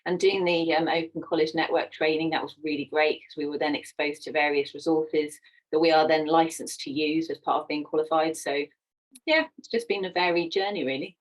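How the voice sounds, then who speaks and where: This is a middle-aged woman with a low voice, chatting about her work as a sex educator. She speaks earnestly, with open enthusiasm for her subject. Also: steady tone, a little fast, rough recording. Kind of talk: casual chat.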